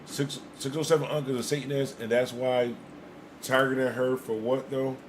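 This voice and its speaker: A man hosting a casual livestream, reacting in loose, slangy, repetitive talk. His voice sits at an ordinary middle pitch. A faint hiss of noise runs behind him. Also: flat delivery, normal speed, low-quality recording. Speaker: livestream host.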